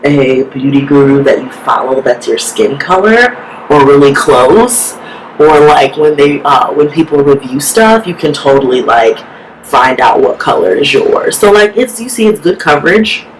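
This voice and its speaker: A woman beauty vlogger with a low-pitched voice talks through a makeup tutorial at a measured pace, chatty and casual, saying "like" constantly. The recording is rough, with a steady background hiss.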